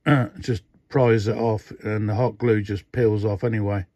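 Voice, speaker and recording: This is dull, dry lo-fi phone audio with no room sound. An older man with a fairly low, warm voice and fairly even intonation shows off a radio modification at an indoor workbench, moving at a moderate pace. The casual demo rambles, full of fillers and restarts.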